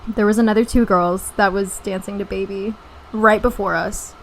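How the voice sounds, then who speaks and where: A woman's voice: mid-range voice, moderate pace, soft background music, poor audio. A woman co-hosting a podcast, chatting casually and telling stories with lots of laughter. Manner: giggly, animated storytelling. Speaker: podcast co-host. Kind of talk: casual chat.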